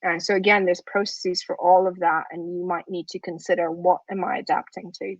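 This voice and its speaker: With a lowish voice and flat, slightly fast delivery, the Russian-speaking woman gives her academic workshop talk over a video call, chatty and regularly checking in with "right?". The recording is dry, captured on a computer microphone as dull, lo-fi online conference sound.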